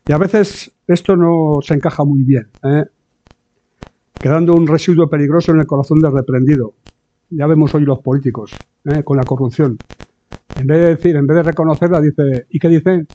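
A man delivers a sermon in a conversational way, his voice pitched a little high yet mellow in tone. He keeps asking his listeners short tag questions and now and then acts out the voices of the people he quotes. The recording sounds dull and lo-fi. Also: steady tone, normal speed. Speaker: preacher.

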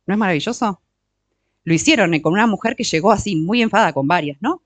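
A middle-aged woman leads a teaching session, steady at a mid pitch for a woman, and her voice sits close and dry with no room sound around it. She keeps checking in with her listeners through short tag questions and slows down to stress key words. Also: dry recording. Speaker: workshop speaker on marriage and emotions. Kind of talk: teaching talk with audience interaction.

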